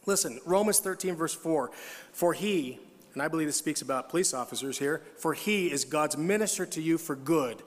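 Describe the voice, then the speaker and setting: A man's voice: fairly high pitch, normal speed. A middle-aged man preaching at a conference, telling stories with humor and reading scripture. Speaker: conference speaker. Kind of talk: sermon. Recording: long hall reverb.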